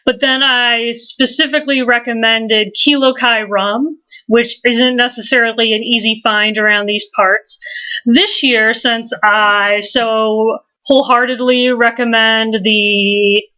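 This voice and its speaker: Slow, chatty woman with a bright voice. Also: on the high side, steady tone, dull audio. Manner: chatty, rambling, self-deprecating. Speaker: host. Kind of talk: casual drink-making vlog.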